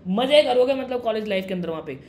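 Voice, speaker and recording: A young man explains things quickly and casually, calling the listener "brother". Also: sits high, lively intonation, a little hiss or hum. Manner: fast, brotherly, addresses viewer as "mere bhai". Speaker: education YouTuber. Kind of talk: casual explainer talking to camera.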